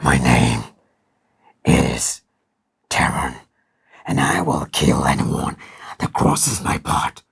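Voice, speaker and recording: A man voicing a menacing, commanding villain in a deep, growling whisper, speaking slowly and threateningly. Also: creaky, slightly rough, heavily acted. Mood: cold menace. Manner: slow, threatening.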